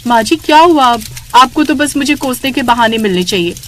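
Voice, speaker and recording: A woman's voice: sits high, lively intonation, fairly quick, a bit bright, slight background noise, voice pushed up. Woman doing a dramatic young daughter-in-law. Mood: pleading. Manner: pleading, melodramatic.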